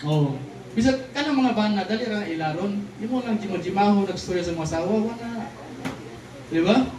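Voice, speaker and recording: A man preaching a sermon, lively, mixing English lines into his talk and often asking the crowd "di ba?" and "no?". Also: high voice. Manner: switches between Cebuano and English lines. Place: church hall. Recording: echoey hall, distant mic, faint noise.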